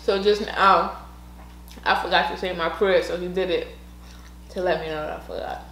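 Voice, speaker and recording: A woman's voice: on the low side, steady tone, normal speed, vocal fry, a bit bright. A woman co-hosting a casual food chat, playful and curious, asking lots of questions. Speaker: co-host. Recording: echoey room, faint hum.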